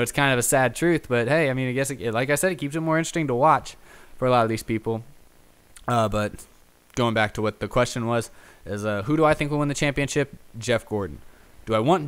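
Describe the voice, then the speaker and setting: A young man with a smooth, mid-range voice and a slightly bright tone hosts a YouTube racing talk show. Alone on the mic, he chats off the cuff, rambling and poking fun at himself.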